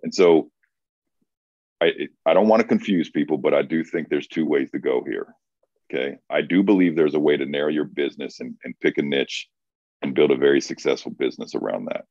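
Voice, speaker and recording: This very deep, darkish male voice moves briskly with no echo. He co-hosts a casual advice talk for writers as a writing coach, thoughtful and prone to restarting sentences and repeating words. The recording is dry, dull and lo-fi.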